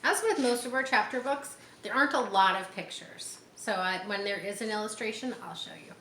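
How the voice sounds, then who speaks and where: This is a woman reading a children's chapter book aloud, briskly, in a bright, forceful, mid-range voice. She adds simple explanatory remarks for young listeners. The room's echo is audible over faint background noise.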